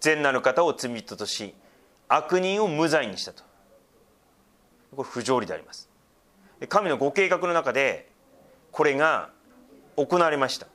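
Man, middle-aged pastor, sermon, explanatory asides, expressive pitch. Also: a little slow, long pauses. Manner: explanatory preaching with frequent asides.

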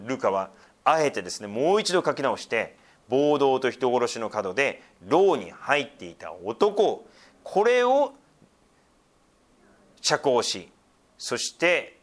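His sermon is conversational and instructive, packed with asides as he explains scripture. The speaker is a middle-aged male pastor whose mid-range voice has a slightly bright quality.

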